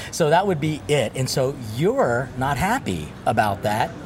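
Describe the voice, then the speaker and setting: A man from the United States, a priest hosting a casual food and travel interview at an outdoor restaurant, talking in a lively, jokey way. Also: mid-range voice, unhurried, slight background noise. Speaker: host and priest.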